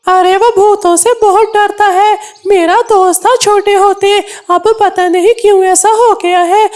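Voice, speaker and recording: A woman's voice: extremely high pitch, steady tone, measured pace, darkish tone. A woman voicing a kind, helpful male parrot in a cartoon, speaking in a comforting, coaxing way.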